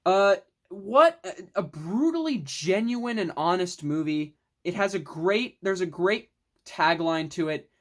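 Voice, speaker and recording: With lively intonation and a slightly slow pace, a young adult film collector rambles happily through favorite movies in an off-the-cuff review. The pitch is ordinary and mid-level, and there's some mild swearing.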